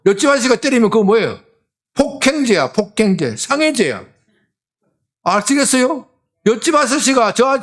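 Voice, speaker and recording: Animated high-voiced male pastor preaching. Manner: animated, with rhetorical questions to the congregation. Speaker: senior pastor. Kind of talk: sermon.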